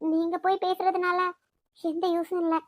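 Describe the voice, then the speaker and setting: A woman doing a high, anxious young heroine. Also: level tone, moderate pace, no room sound. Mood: pleading. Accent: Kanyakumari Tamil. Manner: pleading, worried, stammering. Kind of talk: cartoon voice acting.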